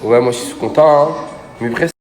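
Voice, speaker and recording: A man's voice: mid-range voice, normal speed, roomy sound, crowd noise. A man filming casual snap stories, teasing and bantering with his housemates. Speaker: snapchat storyteller. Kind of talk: casual snap story chat.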